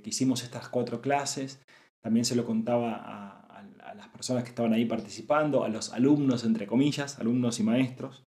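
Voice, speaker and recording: An earnest Argentine man in his thirties hosts a reflective spiritual talk. He searches for words, with fillers and asides along the way. His voice sits at a middle pitch, and the room around him is echoey. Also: a little mellow. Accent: Argentine Spanish. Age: 30s. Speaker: spiritual podcast host.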